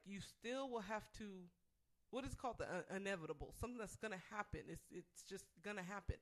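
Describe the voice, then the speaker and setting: A woman's voice: medium pitch, a little mellow. A woman co-hosting a talk show, giving casual relationship advice in an earnest, emphatic way and restating her points.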